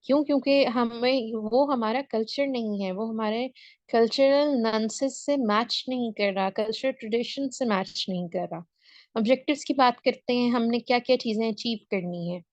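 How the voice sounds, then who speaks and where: Teaching English speaking over a video call, a Pakistani woman explains things one step at a time and regularly makes sure the class is keeping up. Her voice is a little high and moderately paced, and the lo-fi recording has no room sound.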